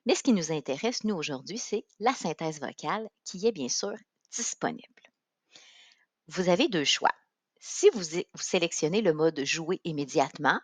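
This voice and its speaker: A woman with a Quebec French accent narrating a step-by-step software tutorial in an instructional way. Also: sits low, no room sound. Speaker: tutorial presenter.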